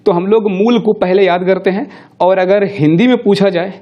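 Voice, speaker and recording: A man's voice: sits high, normal speed, muffled recording. A middle-aged male teacher giving a classroom lecture, explaining step by step and answering his own questions.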